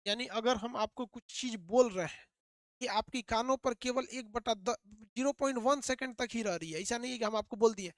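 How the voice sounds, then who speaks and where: Male physics tutor, quick and repetitive, dry close recording. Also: very high-pitched, no echo. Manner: rapid, repetitive, quizzing the students. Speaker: physics teacher. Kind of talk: animated classroom lecture.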